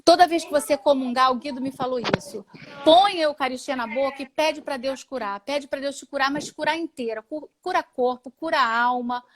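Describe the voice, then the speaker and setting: A woman with a Brazilian Portuguese accent gives an emotional personal testimony as an interview guest. She is an animated storyteller who acts out the people she quotes. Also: high voice, fairly quick.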